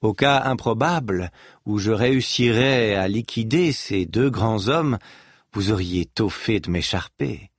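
A man voicing a calm, softly menacing male scientist in an audiobook reading. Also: lowish voice, unhurried, no room sound, clean studio sound.

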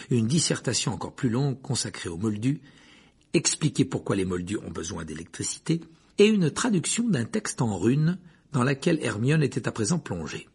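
A man reading a storybook aloud in an expressive way, shifting into voices for the characters. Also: fairly low pitch, creaky, slightly rough. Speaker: audiobook narrator.

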